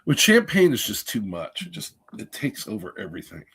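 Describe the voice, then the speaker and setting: A man's voice: on the low side, a little fast, husky. A man in his forties in casual podcast chat over a video call, enthusiastic and talkative. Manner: animated, enthusiastic about snake genetics.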